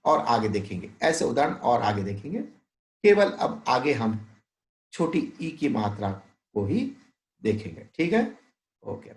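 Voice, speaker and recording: In an echoey room, a primary school teacher records a Hindi lesson for young children, stretching out each word slowly and glossing meanings in English. His mid-range voice is very animated, and he calls his pupils "beta" while checking often that they understand.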